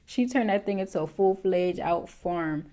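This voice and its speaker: A woman from the South Carolina Lowcountry with a Gullah Geechee accent, chatting casually in colloquial dialect. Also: moderate pace, warm tone. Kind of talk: casual conversation.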